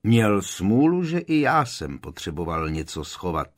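A man's voice: fairly low pitch, very animated. Male reader doing a tense young wizard, earnest, urgent.

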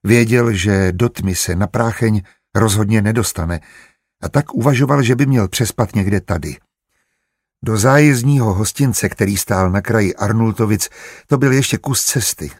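A man reading a historical novel aloud in an even, measured narration. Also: lowish voice, husky, no room sound, clean studio sound. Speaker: audiobook narrator. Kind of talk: scripted narration.

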